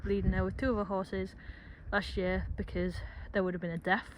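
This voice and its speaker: A young woman talks in a relaxed, rambling way, dropping joking asides as she films. Her voice sits in a middle pitch. Outdoor noise runs clearly behind her on the phone recording. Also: brisk, rough recording. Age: young adult. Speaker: vlogger at a horse yard. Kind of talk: casual vlog narration. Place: outdoor stable yard.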